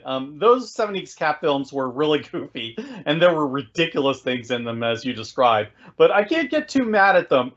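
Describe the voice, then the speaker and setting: A man co-hosting a podcast, speaking in a measured, reflective way with frequent pauses to think. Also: a little high, fairly bright tone, lo-fi sound. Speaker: podcast co-host. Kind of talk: casual podcast discussion.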